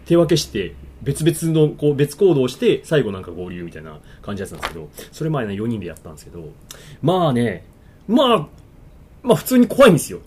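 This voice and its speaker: Fast-talking animated man. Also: mid-range voice, a little hiss or hum. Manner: fast animated storytelling, acts out his own panicked shouts. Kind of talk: casual chat.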